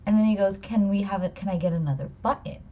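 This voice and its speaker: A woman co-hosting a casual chat, telling stories in a lively, profane way. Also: medium pitch, fast. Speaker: podcast co-host. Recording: muffled lo-fi audio.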